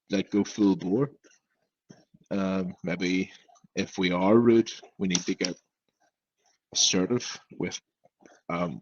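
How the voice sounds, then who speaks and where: Deep-voiced and blunt, a young man from Northern Ireland speaks frankly as a podcast guest in a casual interview, stammering at times. The recording is dry and lo-fi.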